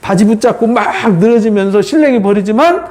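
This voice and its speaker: A man, a pastor, giving an animated Bible lecture and acting out the quotes. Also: high voice, a little fast.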